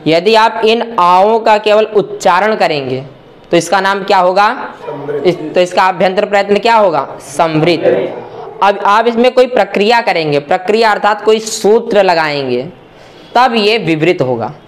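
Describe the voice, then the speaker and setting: A man with a fairly high voice explains Sanskrit grammar as a patient teacher. He asks a question, then answers it himself. He checks again and again that the listener has understood. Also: moderate pace. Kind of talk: classroom explanation.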